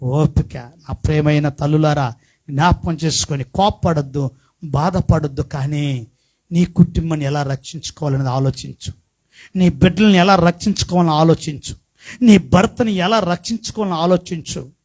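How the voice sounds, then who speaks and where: Man, pastor, sermon, high voice, quiet asides rising to shouts. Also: normal speed. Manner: swings from quiet talk to shouted preaching; asks the congregation questions.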